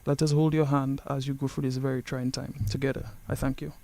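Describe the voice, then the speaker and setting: A man speaking as a credit union representative, delivering a prepared informational talk in a formal, measured, point-by-point way. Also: medium pitch, level tone, gravelly, warm tone.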